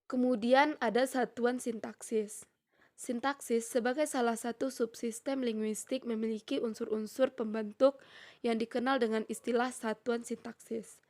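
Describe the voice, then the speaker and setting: A young woman presents a grammar lesson, reading a prepared text at a steady, measured pace. Her voice sits a little high, and she slows down to spell out each example sentence. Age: young adult. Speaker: student presenter. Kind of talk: reading a prepared lecture on syntax.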